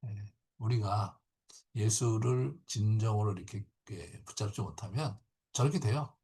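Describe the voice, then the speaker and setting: A man, a pastor, teaching a Bible class over a video call in an animated way, acting out quotes and often checking in with his listeners. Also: lowish voice. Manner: animated, acts out quotes, frequent tag questions. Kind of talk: lively Bible lecture.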